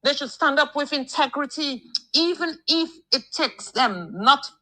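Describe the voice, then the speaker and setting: A woman's voice: high-pitched, animated, measured pace, sharp tone, no room sound, rough recording. A woman from Dominica, heard in a voice message played on air, complaining with passion and repeating words as she searches for them. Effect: recorded voice message played on air. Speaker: caller sending a voice note. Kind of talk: political call-in complaint.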